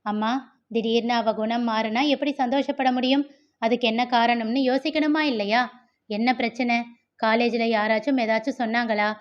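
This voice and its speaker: A woman's voice: on the high side, steady tone, moderate pace, highs cut off, natural voice. Woman voicing a stern protective older brother. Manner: firm, questioning, commanding.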